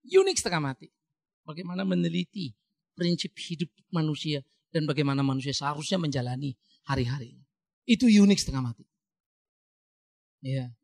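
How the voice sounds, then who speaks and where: A male pastor preaching a sermon in an animated, emphatic way, with sudden rises for emphasis. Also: a little high, no echo, clean studio sound.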